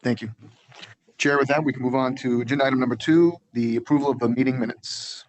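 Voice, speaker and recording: Quick-talking staff man calling public comment, businesslike meeting procedure. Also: medium pitch, fairly even intonation. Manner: brisk, businesslike.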